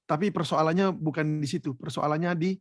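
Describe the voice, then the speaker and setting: Relaxed man telling a story. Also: fairly high pitch, fairly quick, dry recording. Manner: relaxed storytelling, acts out quoted speech. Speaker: parent guest. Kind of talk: casual podcast interview.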